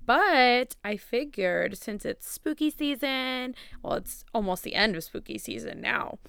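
A woman's voice: medium pitch, sing-song, measured pace, creaky, fairly bright tone, clear, resonant tone, dry recording, studio quality. A woman in her twenties hosting a podcast, telling true crime stories in a chatty, informal way with slangy asides. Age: 20s. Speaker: podcast host. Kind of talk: casual true crime storytelling. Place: small closet at home.

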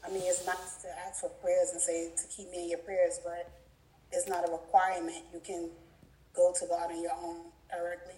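A woman contributing to a Bible study discussion, speaking haltingly as she thinks aloud. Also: lowish voice, completely flat delivery, dark tone, slight background noise. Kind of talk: spoken contribution in a group discussion. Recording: echoey room, distant from mic.

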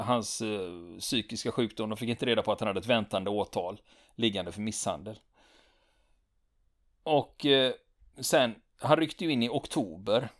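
A man telling a true story in a relaxed, conversational way, with frequent pauses and fillers. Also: lowish voice. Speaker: podcast storyteller.

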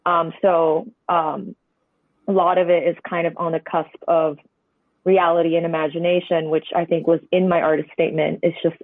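Over a tinny, dry phone connection with no room sound, a painter guest on a conversational podcast interview speaks at normal speed in a flat, medium-pitched voice. They are from Hong Kong, in their twenties, with Cantonese as a first language. Their remarks drift reflectively, with many hedging asides.

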